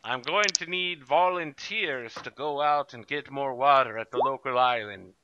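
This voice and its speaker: A man's voice: medium pitch, normal speed, highs cut off, background noise, pitched above the performer's own voice, close to an everyday voice. A man voicing a self-important pirate captain in his twenties who tries to sound imposing, in a tabletop game. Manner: pompous, trying to sound imposing.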